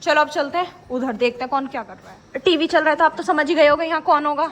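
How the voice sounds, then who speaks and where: A woman's voice: sits high, steady tone, quick pace, a bit bright. A woman in her late forties chatting casually through a family home vlog, scolding and teasing a child as she goes. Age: 40s. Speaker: family vlogger.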